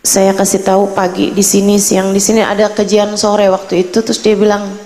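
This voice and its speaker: A middle-aged woman preacher telling a story in a religious lecture, slow and earnest, rising high and emotional as she retells a woman's distress. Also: completely flat delivery, warm tone, long reverb tail, a little hiss or hum.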